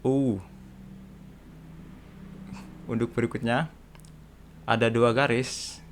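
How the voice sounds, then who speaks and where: A young man teaching beginners to read letters, explaining slowly and patiently and repeating each sound for practice. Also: on the low side, fairly even intonation, a bit bright, a little hiss or hum. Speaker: Korean language teacher. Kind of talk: beginner lesson on reading letters.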